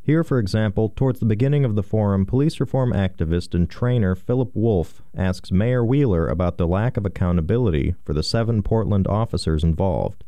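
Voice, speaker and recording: Male radio reporter, deep and smooth, scripted narration, dry close recording. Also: brisk, hardly any pauses, mellow, no echo.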